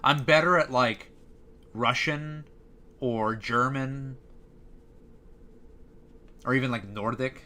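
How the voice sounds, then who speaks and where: A man's voice: mid-range voice, slow, long pauses, bright, forceful tone. A young man chatting casually on a live stream, rambling and hesitant, with lots of fillers.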